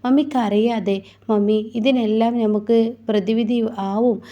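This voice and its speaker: A daughter gently coaxes her mother to stop crying, as a woman narrator voices her. The voice is mellow and a little high. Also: fairly even intonation, a little slow, lo-fi sound, lightly acted. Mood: coaxing. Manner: gentle, coaxing.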